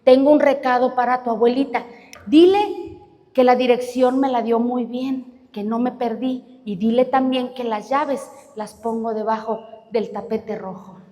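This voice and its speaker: A woman voicing a gentle heavenly healer who speaks softly and slowly. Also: on the high side, lightly acted. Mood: tender. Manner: soft, tender, slow. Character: gentle tall shining heavenly healer, male. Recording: reverberant hall.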